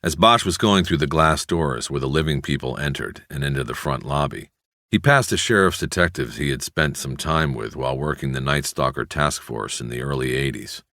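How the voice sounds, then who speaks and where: Male audiobook narrator, exceptionally low voice, measured delivery, dry studio sound. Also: no echo. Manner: measured, even storytelling.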